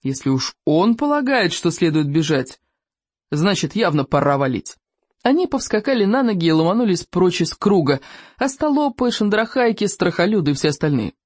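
An audiobook narrator reading a children's adventure story in an animated, theatrical way. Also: mid-range voice, moderate pace, slightly rough, no room sound.

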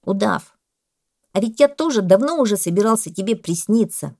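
A woman voicing a fussy, self-important male parrot who talks loudly and lectures. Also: mid-range voice, lively intonation, normal speed, voice pushed up. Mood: stern. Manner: loud, bossy and lecturing.

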